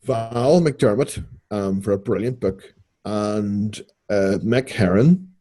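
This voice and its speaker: Mellow husky Belfast man chatting. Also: lowish voice, slow. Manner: relaxed, rambling, self-correcting. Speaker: podcast co-host. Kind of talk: casual chat.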